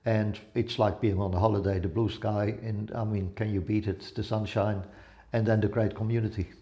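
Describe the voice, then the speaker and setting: A man in his seventies, from the Netherlands, chatting as an interview guest in a relaxed, rambling way with many pauses. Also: lowish voice, lo-fi sound. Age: 70s. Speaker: guest, retired photographer and blogger. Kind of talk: casual interview chat.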